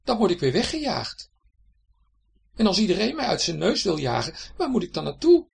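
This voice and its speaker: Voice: mid-range voice, sing-song, normal speed, vocal fry, husky, pitched above the performer's own voice, heavily acted. Narrator voicing a fretful little snore creature. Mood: self-pitying. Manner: fussy, flustered, self-pitying. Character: small grumbling snore creature, male, fretful.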